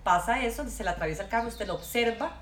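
A Costa Rican woman talks quickly and explains mindfulness as an interview guest, slipping into short quoted exchanges as she goes. Her voice sits in an echoey room with a faint hum of ambience behind it. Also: a little high. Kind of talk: casual interview chat.

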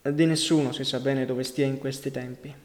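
A man's voice: medium pitch, steady tone, moderate pace, a little mellow, close to an everyday voice. Sardonic young partisan guy read by a man, dry and mocking, echoing in a big hall. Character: sardonic, curt young male partisan leader. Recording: long reverberant hall sound.

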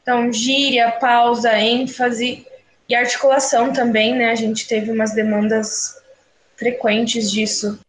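A woman with a high, bright-pitched voice that rings out in an echoey room. She answers in a lively, exclamatory way, in the manner of a relaxed interview guest. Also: a little slow. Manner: animated, exclamatory. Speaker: student speech therapist, guest.

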